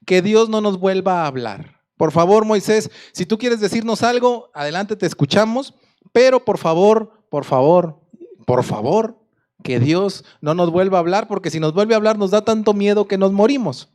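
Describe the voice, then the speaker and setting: A man's voice: high voice, animated, normal speed, a little mellow. A man voicing a frightened crowd of Israelites, pleading urgently in a sermon retelling.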